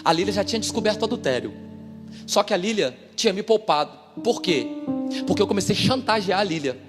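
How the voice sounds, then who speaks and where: A man with a high-pitched voice gives an animated testimony from the pulpit. He acts out dialogue and jumps between loud outbursts and quiet asides. His voice rings through a church hall with a long echo while music plays underneath. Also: fast talker. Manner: animated, dramatic storytelling with voiced quotes. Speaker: pastor. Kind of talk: testimony sermon.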